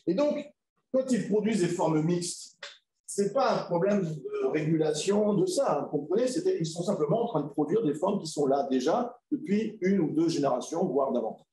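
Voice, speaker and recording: A man delivering an academic talk to an audience, explaining step by step. His voice is somewhat high yet dark and mellow in tone. It is recorded in a roomy, echoey lecture hall with a faint ambient hum behind it. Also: lively intonation, normal speed. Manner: explanatory, with frequent "hein" and "voilà" fillers. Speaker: researcher giving a conference talk. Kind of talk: academic presentation.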